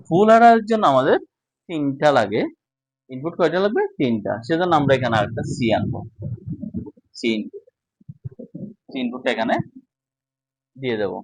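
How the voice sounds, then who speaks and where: A man teaches at a whiteboard, walking through each step and pausing to ask if students follow. His voice sits at an ordinary middle pitch. The sound is dry, with little room echo. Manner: explains step by step, often checking understanding. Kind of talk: casual whiteboard lesson.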